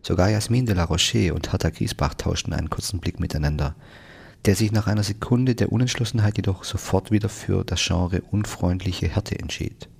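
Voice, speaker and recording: A man narrating an audiobook in a wry, measured way. His voice sits very low, gravelly and husky. Each sentence is laid out calmly. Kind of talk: scripted narration.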